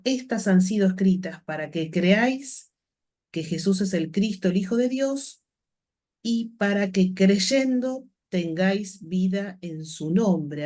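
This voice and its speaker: A woman with a Rioplatense Spanish accent, a course participant, putting measured questions to the teacher. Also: on the low side, mellow.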